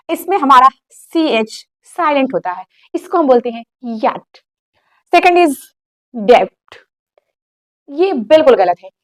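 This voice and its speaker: Her voice is high-pitched: a young English teacher leading a class in Hindi. She fixes students' words by firing off rapid rhetorical questions.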